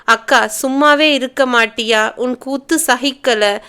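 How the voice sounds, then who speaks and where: A woman's voice: high voice, takes it slowly, pushed and bright, clear, resonant tone, exaggerated voice. A woman narrator voicing a shy, bashful young woman who protests her sister's teasing.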